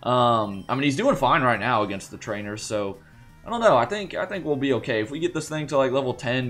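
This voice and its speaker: A young man hosting a gaming channel, chatting loosely through a let's play in a groggy morning voice, rambling with lots of fillers and restarts. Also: mid-range voice. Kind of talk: casual let's play commentary. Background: faint game music.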